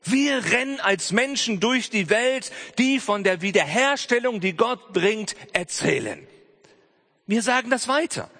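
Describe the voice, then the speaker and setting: Man, pastor, Pentecost sermon, high voice, emphatic, swings from loud calls to hushed lows. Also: lively intonation, measured pace. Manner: emphatic preaching, sudden drops to soft low tones; frequent interjected "hey". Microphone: streamed church service.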